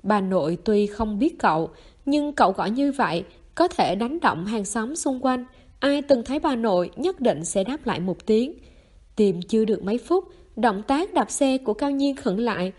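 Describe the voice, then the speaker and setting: A woman narrating a novel in a steady storytelling manner, as an audiobook reading. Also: a little high, normal speed.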